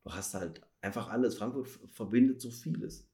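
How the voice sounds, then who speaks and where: A man's voice: on the low side, mellow. A man in his thirties from the Ruhr area, a dentist talking at ease on a podcast, with lots of fillers. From Ruhr area, Germany. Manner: chatty, many fillers, drawn-out phrases. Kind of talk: relaxed podcast conversation.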